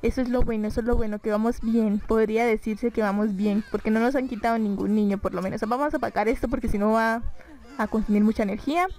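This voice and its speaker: A woman's voice: a little high, steady tone, quick pace, darkish tone, low-quality recording. A woman giving casual let's-play commentary over a life-simulation game, chatty and exasperated. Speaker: gaming YouTuber.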